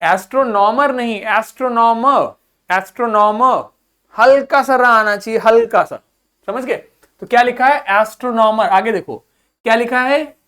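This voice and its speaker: A man's voice: very high-pitched, moderate pace, fairly bright tone. A male teacher giving a classroom vocabulary lesson, repeating each word and quizzing students to say it back. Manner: patient, quizzing questions to the students. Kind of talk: classroom pronunciation drill.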